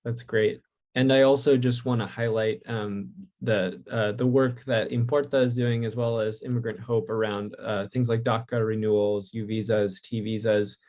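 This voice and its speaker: A man with a somewhat low voice hosts a webinar over a video call. He speaks in a polite, measured way as he thanks each speaker and brings on the next one. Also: steady tone, darkish tone. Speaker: webinar moderator. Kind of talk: hosting a webinar.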